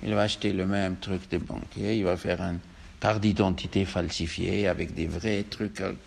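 A man in a lively scripture-storytelling lesson, acting out every character in a raspy voice. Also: low-pitched, moderate pace, a little hiss or hum. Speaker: storyteller teacher.

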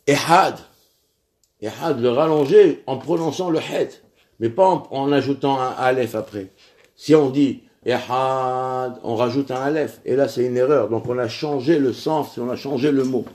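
A man teaching a religious lesson, speaking in a measured way with frequent restarts and pauses, lifting his voice on the key words and questions. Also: mid-range voice, dark tone.

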